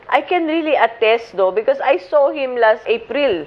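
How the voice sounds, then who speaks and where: A woman co-hosting a TV talk show, jokey and animated, speaking mostly in Tagalog. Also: high voice, moderate pace. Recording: dull sound with faint noise.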